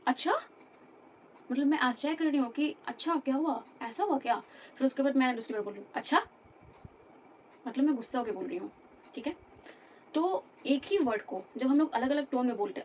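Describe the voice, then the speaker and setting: A woman's voice: high voice, a little mellow, distant mic, dull audio, a little hiss or hum. A woman teaching a lecture class, explaining patiently, repeating terms and checking in with her students.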